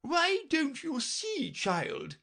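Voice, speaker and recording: A woman voicing a stern, bossy queen who scolds sharply and loudly. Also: high-pitched, huge pitch swings, extremely slow, gravelly, pitched above the performer's own voice, heavily acted. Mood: imperious scolding.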